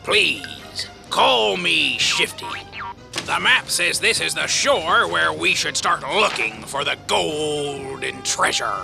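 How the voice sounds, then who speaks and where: A gravelly pirate captain. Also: male voice, a little high, animated, slow pace, music in the background, full character voice. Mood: hearty. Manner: pirate growls, hearty exclamations. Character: gruff shifty male pirate captain. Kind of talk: children's TV puppet comedy.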